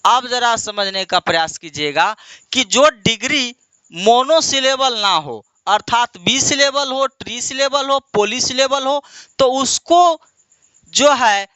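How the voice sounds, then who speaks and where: A man's voice: extremely high pitch, expressive, sharp tone, clean tone, no room sound. A man from India teaching an English grammar lesson, repeating words and quizzing his students in a call-and-response way, calling them "my dear". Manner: asks questions and answers them himself, drawn-out repetition.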